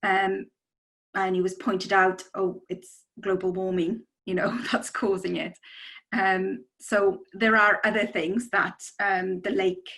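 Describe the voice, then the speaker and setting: On a panel discussion held over video call, a middle-aged woman from Bangladesh who serves as a city councillor rambles, filling her speech with "um" and "you know." She talks at a slow pace in a fairly bright, medium-pitched voice with little pitch movement, over poor audio.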